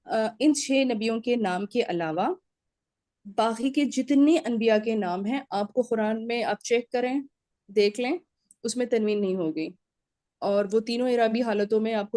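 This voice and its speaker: A woman's voice: fairly high pitch, mellow, dry recording, clean studio sound. A woman teaching an Arabic grammar lecture, explaining step by step, drilling word endings aloud and checking in often with short confirmations.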